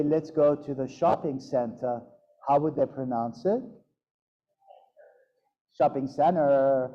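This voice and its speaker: A man teaching a yoga and Sanskrit pronunciation class, playful and demonstrating sounds aloud. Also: on the high side. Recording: dull lo-fi sound.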